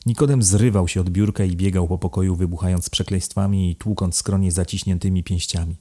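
A man calmly narrating a novel as an audiobook. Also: sits low, a little fast, husky. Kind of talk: scripted narration.

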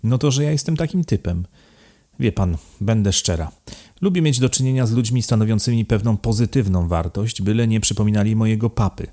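A man's voice: fairly low pitch, fairly quick, warm tone, close to an everyday voice. A male narrator voicing a frank young woman who talks coolly and bluntly in an audiobook. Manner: cool and blunt. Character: cool, frank young woman, a landowner's daughter.

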